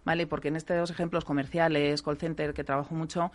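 A woman from working as a voice therapist, calmly explaining things in a radio interview and often checking in with "¿vale?". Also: low-pitched, quick pace. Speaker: voice therapist guest.

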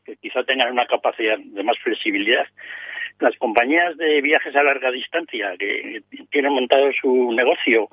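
A man's voice: mid-range voice, moderate pace, husky, no echo, phone-quality sound. A man commenting on a radio panel, thinking aloud and ending phrases with tag questions. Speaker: economics commentator.

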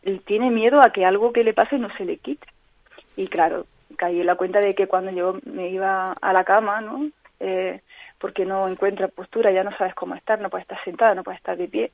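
A woman tells her story in an interview. She speaks earnestly, pausing and restarting often. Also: mid-range voice, fairly even intonation, gravelly, no room sound. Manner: earnest, halting, frequent restarts. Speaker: guest, mother living with chronic pain. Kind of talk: personal account in a call-in interview. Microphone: telephone. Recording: tinny phone line on radio.

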